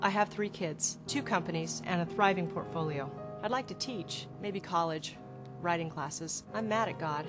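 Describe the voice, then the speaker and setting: A woman's voice: fairly low pitch, normal speed, close to an everyday voice. A woman playing a tired businesswoman in her late thirties in a church skit video, reciting her lines earnestly over music.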